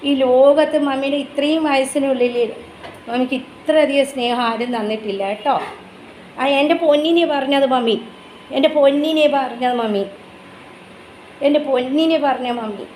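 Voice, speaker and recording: A woman's voice: sits high, moderate pace, a little mellow. A woman with a Malayali accent, vlogging at home and talking to her dog in doting baby talk between chatty asides to viewers. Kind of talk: casual home vlog, cooing to her dog. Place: home, kitchen area. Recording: echoey home room with faint background noise.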